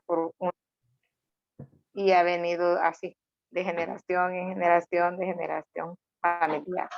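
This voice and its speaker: A woman guest speaking slowly and reflectively, with fillers. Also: lowish voice. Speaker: panel guest. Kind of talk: personal testimony. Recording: dry muffled lo-fi audio.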